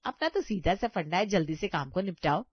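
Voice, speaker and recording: A woman's voice: fairly low pitch, animated, a little fast, slightly rough, dry recording. A woman voicing a careless, boastful young daughter-in-law who talks in a hasty, dismissive way, on a dull, lo-fi recording. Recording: dull lo-fi sound.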